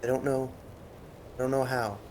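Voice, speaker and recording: A man playing a tabletop role-playing game, answering in character in a soft, hesitant way. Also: medium pitch, fairly even intonation, moderate pace, slight background noise. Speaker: player.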